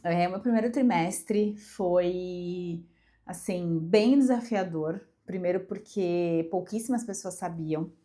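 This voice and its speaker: Speaking slowly in a lowish, dark voice, a young Brazilian vlogger talks casually and emphatically to camera about personal matters. She sounds congested from a cold.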